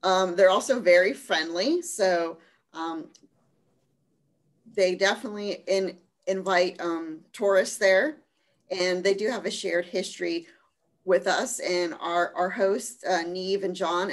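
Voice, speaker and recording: A woman walks listeners through a study trip slideshow, her voice sitting a touch low. She talks in a relaxed, chatty way, filling pauses with ums and little laughs. It sounds like a video call. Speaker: study abroad presenter. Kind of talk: virtual fair slideshow presentation.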